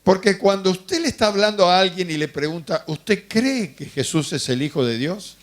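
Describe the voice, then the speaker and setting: A man's voice: high-pitched, lively intonation, moderate pace. A man preaching a sermon as pastor, telling stories and putting questions to the congregation. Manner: conversational storytelling with questions to the congregation.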